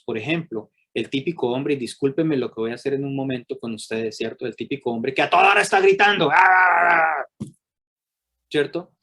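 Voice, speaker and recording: Man, psychologist, workshop teaching, animated, rhetorical questions, average pitch. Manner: acts out quoted people with raised voice.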